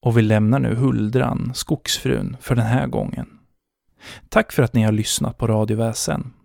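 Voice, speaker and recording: A man hosting a podcast, narrating a story in a measured dramatic manner. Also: medium pitch, fairly even intonation, gravelly, darkish tone, no echo, clean studio sound.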